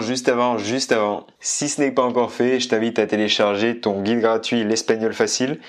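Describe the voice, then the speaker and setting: Male language-teacher host, lowish voice, informal and direct to camera, mixes in Spanish phrases. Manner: chatty, addresses the viewer directly and informally; drops into Spanish phrases between French explanations. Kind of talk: casual video lesson to camera.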